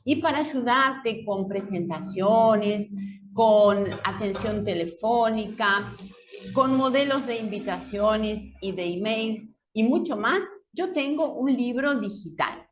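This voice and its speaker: A woman teaching an online Spanish lesson, explaining slowly and carefully for learners. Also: fairly high pitch, lively intonation, a little hiss or hum.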